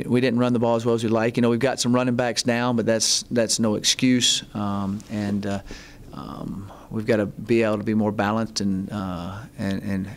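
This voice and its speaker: Halting low-voiced coach with gravelly tone. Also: male voice, a little hiss or hum. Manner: halting, many ums and restarts, plain-spoken. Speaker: head football coach. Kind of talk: postgame press conference answers. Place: press conference room, seated at table. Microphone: table mic in front.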